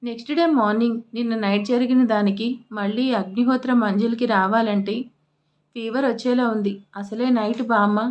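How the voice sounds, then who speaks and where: A woman narrating a romantic family audio story in a lively storytelling manner. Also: fairly high pitch, a little fast, lo-fi sound. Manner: lively storytelling, voices every character.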